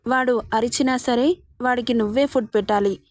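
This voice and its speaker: A woman's voice: fairly high pitch, fairly even intonation, normal speed, a little mellow, lightly acted. A woman voicing a patient, fond middle-aged mother-in-law, speaking reassuringly.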